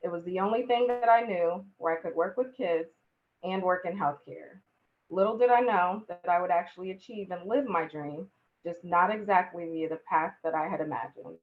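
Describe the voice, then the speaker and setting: A woman's voice: fairly low pitch, normal speed. An American woman giving a prepared personal speech on a video call, with a polite, formal welcoming delivery. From Columbus, Ohio, United States. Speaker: hospital program manager, guest speaker. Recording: dull, muffled video-call audio.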